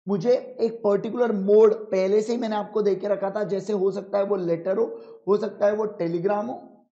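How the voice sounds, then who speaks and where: A man teaching law in an online exam-prep lecture, calling students "my children", asking check questions, and reading rules slowly. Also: high-pitched, steady tone, warm tone. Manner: reads legal rules slowly and with emphasis. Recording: dull lo-fi sound.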